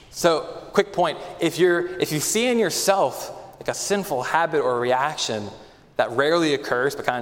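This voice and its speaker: A man's voice: fairly high pitch, fairly bright tone. A male pastor in his thirties giving a sermon in a conversational way, with self-deprecating personal asides. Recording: long reverb of a large hall.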